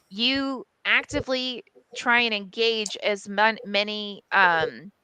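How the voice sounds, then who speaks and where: A woman editor at a small press, telling a story in casual podcast chat, animated, frank and sprinkled with fillers and swearing. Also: medium pitch, clear, resonant tone, no room sound, rough recording.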